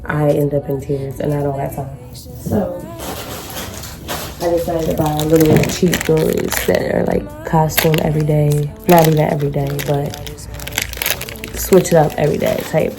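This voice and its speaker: A woman's voice: low-pitched, steady tone, normal speed, background noise. A woman vlogger chatting casually through a shopping haul in an informal, slangy, rambling way.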